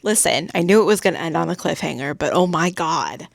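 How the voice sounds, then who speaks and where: A woman's voice: low voice, expressive, fairly quick, vocal fry, no room sound. Emphatic woman reacting to books, dry sound. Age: adult mother. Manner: emphatic, exclamatory, talks to viewers. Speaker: book vlogger. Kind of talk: casual reading-reaction vlog.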